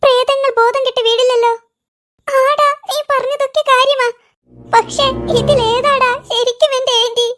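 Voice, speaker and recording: A voice artist with a Malayali accent playing jittery, easily frightened young boys in a cartoon, chattering fast and wailing in fright. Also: very high voice, fairly even intonation, noisy background. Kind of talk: cartoon voice acting.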